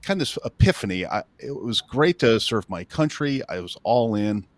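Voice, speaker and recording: Low-voiced man in his fifties, joking. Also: animated, moderate pace, no room sound. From northern Illinois, USA. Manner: self-deprecating, laughs at his own stories. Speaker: guest, real estate coach. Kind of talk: casual interview storytelling.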